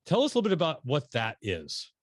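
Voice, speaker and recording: A middle-aged man hosting an interview, talking casually and rambling with many restarts and excited emphasis. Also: fairly high pitch, quick pace, dry recording, clean studio sound. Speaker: podcast host interviewing a guest.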